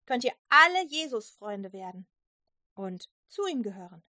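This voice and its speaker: A woman's voice: mid-range voice, very animated, normal speed, pushed and bright, no room sound, clean studio sound. A woman voicing the apostle Peter, a bold man preaching earnestly to a crowd in a children's Bible story.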